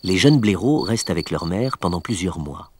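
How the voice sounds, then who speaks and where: Low-voiced man narrating a nature documentary. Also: lively intonation, background noise. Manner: measured, explanatory storytelling.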